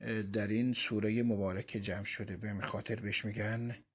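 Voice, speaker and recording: A man's voice: on the low side, little pitch movement, husky. A man teaching a religious lesson, reading Arabic quotations and explaining them phrase by phrase. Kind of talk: Quran commentary lesson.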